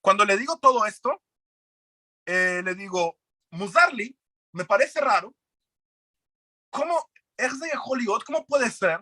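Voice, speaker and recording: A man with a high, bright voice tells his personal testimony as a guest, earnest and serious. He acts out the lines of the people in his story. The sound is dry and close, with no room echo. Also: expressive, moderate pace, long pauses. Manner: earnest, retells events with quoted dialogue.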